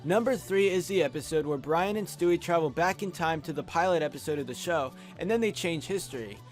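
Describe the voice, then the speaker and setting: A young man with a high-pitched voice narrates a scripted top-five countdown as a video host and reviewer, speaking a little fast. He records on a close USB studio microphone, with faint music behind him.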